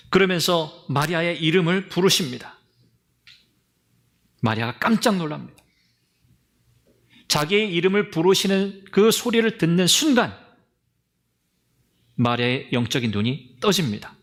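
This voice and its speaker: A male pastor giving a Sunday sermon with animated storytelling, speaking directly to his congregation and acting out the people in the story. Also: a little high.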